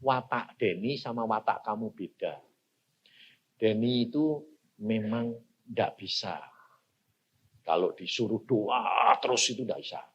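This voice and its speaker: Preacher doing God's voice: soft, low, calm and patient, husky, quiet, dull recording. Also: male voice, unhurried, pauses often. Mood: calm, gentle. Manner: hushed and low. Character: God speaking softly, calm and patient.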